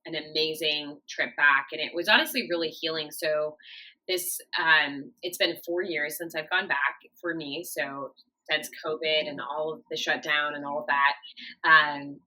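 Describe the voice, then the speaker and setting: A woman's voice: sits low, fairly even intonation, unhurried, sharp tone, poor audio. A woman in her thirties, raised in Japan, chatting as a podcast guest with many fillers and a storytelling flow. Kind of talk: casual interview talk.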